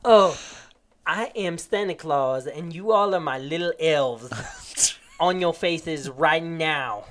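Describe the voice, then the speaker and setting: A man voicing a tall male drill sergeant with a lisp and a slightly high voice, barking mock-festive orders. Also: slow pace, fairly bright tone, slight background noise. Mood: mocking stern. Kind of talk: impression within a story.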